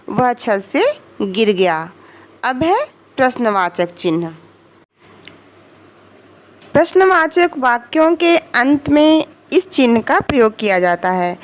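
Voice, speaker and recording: A woman teaching a grammar lesson in slow, clear explanations, her voice rising brightly on the examples. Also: a little high.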